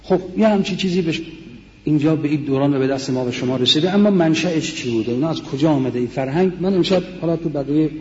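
A middle-aged man and war veteran, recounting memories to an audience in an earnest, measured way, speaking in a large mosque hall. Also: on the high side. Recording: dull sound in a reverberant hall.

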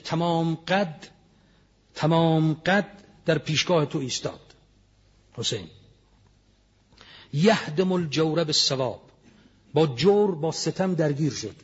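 A man with a somewhat high, husky voice delivers a religious sermon. He intones prayer passages slowly before explaining them. The recording sounds dull and lo-fi. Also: darkish tone. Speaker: preacher.

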